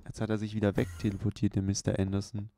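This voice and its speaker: A man hosting a let's play, giving unhurried, chatty running commentary with many fillers. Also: on the low side, monotone. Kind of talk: casual gameplay commentary. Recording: clear background hiss.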